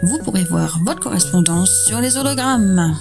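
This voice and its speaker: A woman voicing a brisk, formal homeroom teacher at an alien academy in an animated series. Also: mid-range voice, gravelly. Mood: formal, upbeat. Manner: formal, announcing to a class. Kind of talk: amateur animated web series acting. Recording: music under the voice.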